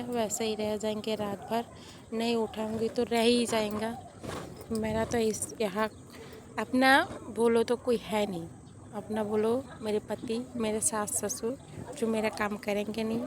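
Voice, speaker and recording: A young woman vlogger casually narrating her daily chores in a voice-over, with a slightly hoarse throat and a sleepy, rambling, confiding way of talking. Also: fairly high pitch, background noise.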